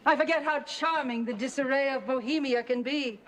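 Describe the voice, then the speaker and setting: A woman's voice: sits high, fairly quick, very noisy, natural voice. An actress playing a grand, name-dropping society woman who chairs a charity league, in a sitcom. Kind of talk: sitcom acting.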